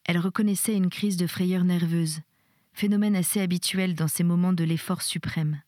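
Low-voiced woman reading a story aloud. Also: steady tone, moderate pace, mellow, no echo, clean studio sound. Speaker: audiobook reader. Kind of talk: storybook narration.

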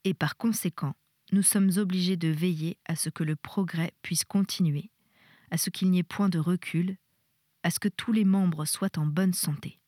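A woman reading the part of a weary middle-aged husband who lectures his wife in a measured, insistent way. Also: high-pitched, fairly even intonation, dark tone, no echo, studio quality, close to an everyday voice. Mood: lecturing.

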